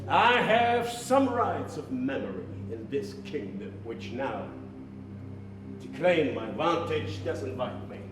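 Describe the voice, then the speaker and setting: An actor playing a solemn, commanding prince claiming a throne, declaiming in a stately way in a stage tragedy. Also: male voice, mid-range voice, sing-song, slow pace. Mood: solemn, regal. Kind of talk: theatrical stage tragedy in verse. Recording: distant echoey stage with music.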